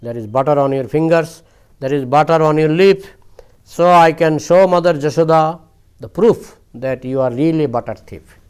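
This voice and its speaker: A man's voice: a little high, normal speed, a little mellow, smooth, natural voice. A man voicing an insistent village milkmaid who is eager to catch a thief. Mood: triumphant.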